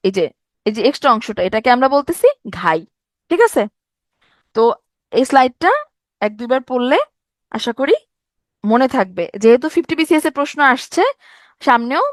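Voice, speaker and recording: A woman's voice: fairly high pitch, no room sound, studio quality. A young woman giving an exam-prep grammar lecture, explaining step by step and asking rhetorical questions. She sounds tired from a sleepless night. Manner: explanatory, asks rhetorical questions, repeats points. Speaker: teacher.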